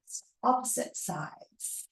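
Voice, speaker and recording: Leading a workout with slow, fairly bright delivery, this fitness instructor offers brief encouraging cues and counts. Her aerobics class is captured in a roomy, echoing indoor space.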